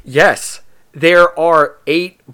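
Excitable man, fast rambling podcast host. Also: on the high side, clear, resonant tone. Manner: excitable, stumbling restarts, quick. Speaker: podcast host presenting the movie. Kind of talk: casual movie discussion podcast.

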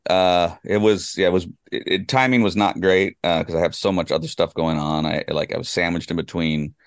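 A man's voice: deep voice, fairly even intonation, fairly quick, no echo, studio quality. A man co-hosting a podcast, talking in a loose, rambling way with lots of fillers and restarts. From California. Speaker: podcast co-host. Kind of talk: casual chat.

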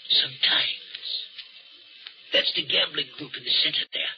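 An actor playing a nervous old watchman who speaks haltingly in a 1940s radio drama. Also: on the high side, slight background noise, close to an everyday voice. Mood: uneasy. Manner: hesitant, halting, full of uhs. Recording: dull old radio broadcast with music.

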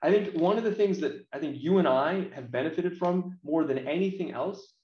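A blunt American man with a fairly high pitch talks at a moderate pace, casual and colloquial, in opinionated chat. A games marketing professional being interviewed, he's recorded with roomy echo and slightly dull sound.

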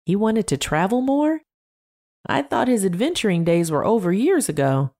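Brief: chatty older lady, pitched high and bright, a woman putting her on for a read-aloud story. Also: sing-song, moderate pace.

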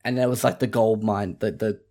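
A man's voice: on the low side, fairly even intonation, fairly quick, a little mellow. A man co-hosting a casual video game podcast, talking in a loose, rambling way with many restarts. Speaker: podcast co-host. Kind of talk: casual chat.

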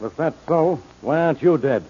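An actor playing an exasperated, curt, grumbling police inspector in a 1940s radio drama. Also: male voice, on the high side, lively intonation, moderate pace, warm tone, natural voice. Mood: impatient, skeptical. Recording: muffled, noisy old radio recording.

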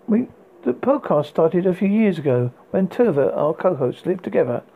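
An amateur reader narrating book extracts in a halting way, with frequent slips and restarts. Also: mid-range voice, sing-song, breathy edge. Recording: tinny phone-like sound.

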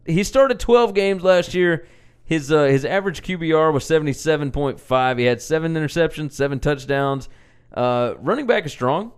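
A man's voice: a little high, expressive, moderate pace, clean tone. A man co-hosting a podcast in casual sports chat, running through records, odds and team notes. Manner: runs through stats and team notes, lots of "uh" fillers. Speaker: podcast co-host.

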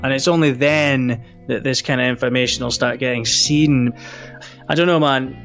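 A man's voice: mid-range voice, fairly even intonation, moderate pace, a bit bright, dull audio, soft background music. A man co-hosting a podcast, chatting enthusiastically and rambling, often calling his partner dude and man. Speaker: podcast co-host. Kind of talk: casual chat.

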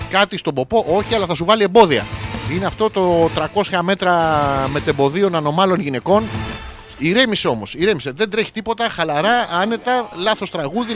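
High-voiced man joking over music. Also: fairly bright tone. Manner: crude joking, rambling wordplay. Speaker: radio show host. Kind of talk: comic horoscope monologue.

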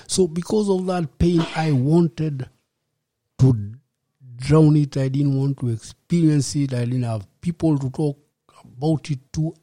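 Kenyan man in his fifties, interview guest; relaxed, reflective storytelling with a dry, close sound. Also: a little high, no echo. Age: 50s. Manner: reflective, unhurried, slips in Swahili words. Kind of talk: personal storytelling in a podcast interview.

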